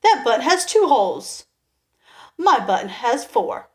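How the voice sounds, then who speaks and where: Storybook read-aloud: woman playing a fussy little male toad, high and loud, indignant. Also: very animated, a little slow.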